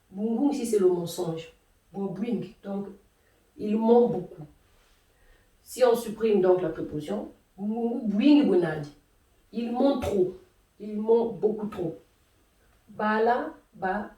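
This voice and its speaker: A woman giving a spoken language lesson, explaining slowly and patiently, with many pauses and hesitations. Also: medium pitch, mellow, echoey room, recorded from a distance, rough recording. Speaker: language teacher.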